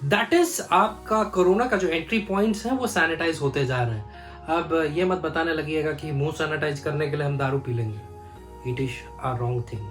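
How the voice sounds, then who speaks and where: A man's voice: fairly high pitch, normal speed, fairly bright tone, faint music behind. A man chatting casually to his phone camera at home, mixing English phrases into his talk. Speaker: vlogger. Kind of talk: casual vlog chat to camera. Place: home room, indoors.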